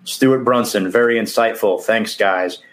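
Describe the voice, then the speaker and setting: Low-pitched New sports host. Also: male voice, a little slow. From Queens, New York City. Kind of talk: live sports talk show hosting.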